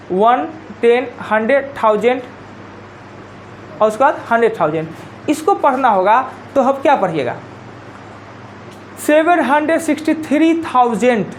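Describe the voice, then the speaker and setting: A woman's voice: a little high, a little hiss or hum. Woman teacher with Bihari Hindi accent. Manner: explains step by step, counting digits aloud and repeating key points. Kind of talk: live classroom lecture. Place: classroom.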